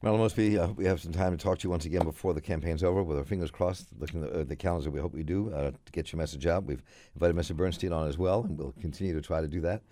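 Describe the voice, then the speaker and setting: Smooth, deep-voiced radio host. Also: male voice, steady tone, warm tone. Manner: brisk, keeps the show moving. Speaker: radio talk show host. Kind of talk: smooth radio host delivery, moderating a call-in interview. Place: radio studio. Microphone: studio mic.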